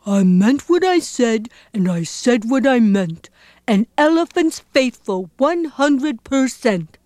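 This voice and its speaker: A woman voicing a huge, gentle, faithful male elephant from a children's storybook, speaking earnestly and deliberately. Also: a little high, lively intonation, dry recording, studio quality. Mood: steadfast.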